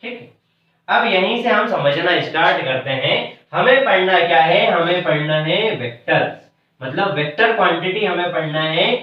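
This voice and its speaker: A man's voice: high voice, lively intonation, normal speed. A man teaching a math class, explaining step by step and answering his own questions. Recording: echoey room from far, dull lo-fi sound.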